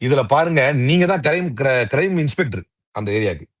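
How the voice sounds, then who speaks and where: A man's voice: fairly high pitch, sing-song, brisk, dry recording, studio quality. A man arguing politics in an interview, combative and mocking, firing off rhetorical questions. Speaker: interview guest, political commentator. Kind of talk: heated political argument.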